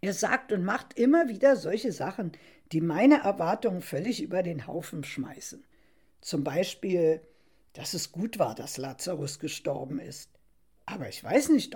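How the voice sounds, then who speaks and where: An earnest, patient apostle Peter from a storybook, as a woman reads him aloud. The voice moves lively up and down and sounds mellow and a little husky. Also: on the low side. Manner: explaining earnestly, storybook voicing. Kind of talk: storybook reading.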